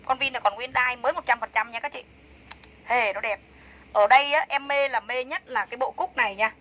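A woman's voice: a little high, fairly quick, bright, forceful tone, low-quality recording. A woman selling clothes on a livestream, chatty and enthusiastic, repeating prices over and over. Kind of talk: fast live-sale patter.

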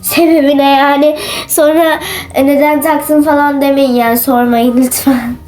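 High-pitched woman, casual chatty video creator talking to viewers. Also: flat delivery, normal speed, music in the background. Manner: chatty, addressing viewers as friends.

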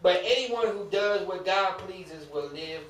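A man with a high voice preaches emphatically and a little slowly in a church sanctuary, using rhetorical questions laced with humor and chatty comments to the congregation. The mic sits far off in an echoing room.

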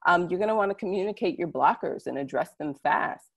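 A woman conference presenter gives an informal online talk, speaking conversationally and addressing listeners directly. Her fairly low, husky voice has lively intonation, a brisk pace and vocal fry, captured by a computer mic on a video call.

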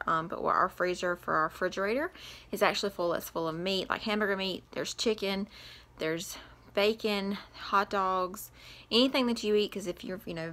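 A woman's voice: mid-range voice, fairly bright tone. A young woman from the South, chatting casually through a grocery haul vlog with plenty of ums. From American South. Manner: chatty, advice-giving, many ums. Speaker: vlogger. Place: home kitchen, indoors.

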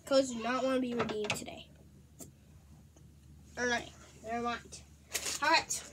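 A young vlogger chatting casually to viewers while unboxing toys, easily distracted and slightly hoarse. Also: mid-range voice, steady tone, unhurried, background noise.

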